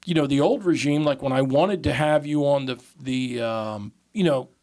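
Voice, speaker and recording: A man co-hosting a casual podcast, excitable and sweary, often repeating himself. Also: mid-range voice, normal speed. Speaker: podcast co-host. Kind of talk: casual chat.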